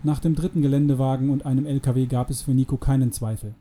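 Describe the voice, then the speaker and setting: Very dark-voiced male storyteller. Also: medium pitch, steady tone, fast, slight background noise. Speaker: narrator. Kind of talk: scripted audiobook narration.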